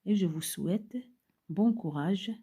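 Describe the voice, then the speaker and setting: Slow, husky-voiced teacher speaking to children. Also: female voice, on the low side, mellow. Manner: slow, deliberate, repeats instructions and syllables. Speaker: primary school teacher. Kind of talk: recorded reading lesson for young children.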